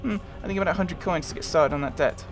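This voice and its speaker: A man voicing an anxious, jumpy woman who is short of money, speaking haltingly in a video game. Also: on the high side, music in the background, voice pushed up, close to an everyday voice. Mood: nervous, pleading. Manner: hesitant, halting with ums. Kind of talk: reading out video game dialogue.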